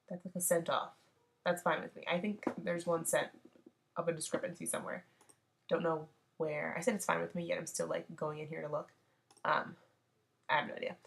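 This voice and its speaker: A young woman under the weather with a nasal voice, chatting casually through her budget with frequent ums and self-corrections. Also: lowish voice. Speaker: budgeting vlogger. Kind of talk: casual screen-share walkthrough.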